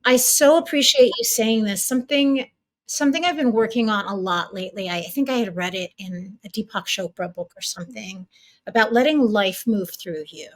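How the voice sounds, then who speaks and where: A woman's voice: mid-range voice, moderate pace. Supportive woman hosting a reflective chat. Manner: appreciative, supportive. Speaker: podcast host. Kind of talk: casual, reflective conversation.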